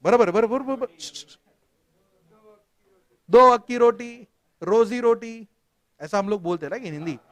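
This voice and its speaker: An Indian man teaching company law to a live class, jokey and lively, quizzing his students as he goes. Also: high-pitched, brisk, no echo. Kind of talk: classroom lecture.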